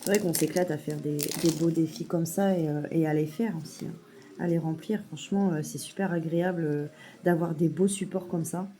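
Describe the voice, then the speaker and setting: A woman showing a parcel in a casual vlog at home, hesitant with many fillers and softly gushing. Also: deep voice, fairly even intonation, brisk, a little hiss or hum. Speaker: mother unboxing a parcel of saving challenges. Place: at home at a table.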